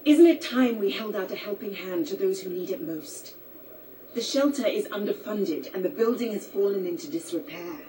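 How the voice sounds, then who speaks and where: Game advocate female actor: earnest, dignified, pleading, soft dark tone, slightly distant. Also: mid-range voice, expressive, moderate pace, close to an everyday voice. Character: earnest, principled female champion of the poor. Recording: distant game audio, background noise.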